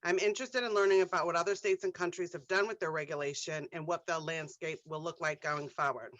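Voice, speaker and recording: Bright-voiced woman moderating a panel. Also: fairly low pitch, steady tone, no echo, highs cut off. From New York. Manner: measured, reads introductions, keeps time. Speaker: session moderator. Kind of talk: formal conference introduction.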